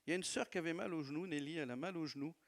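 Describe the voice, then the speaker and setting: A man's voice: a little high, very fast. A man with a non-native French accent preaching as a pastor, telling stories of his church with laughs and repeated phrases. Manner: warm storytelling with laughs and repetitions. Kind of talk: sermon testimony. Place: church hall.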